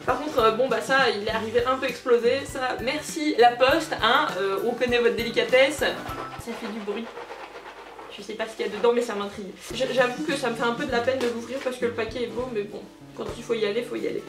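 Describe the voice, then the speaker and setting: A woman's voice: on the high side, fairly quick. A young woman hosting a casual unboxing video at home, gushing and joking about herself, with many fillers. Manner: bubbly, gushing, self-mocking, with many fillers. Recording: roomy, distant, with music behind.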